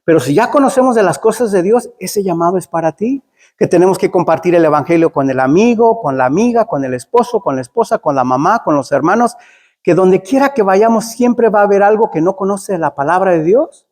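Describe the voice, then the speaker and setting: A man preaches a sermon in a church hall, telling stories in a chatty way and frequently tossing in "¿verdad?" ("right?"). His high voice is expressive, a little fast and slightly mellow. A long hall reverb trails his words.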